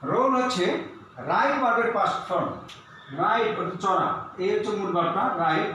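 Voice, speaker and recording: A man from Bangladesh gives an online English lesson in a high, light voice. He explains patiently and spells words out letter by letter. The recording rings with heavy room echo over a faint hiss. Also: fairly quick, bright, forceful tone. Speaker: English teacher.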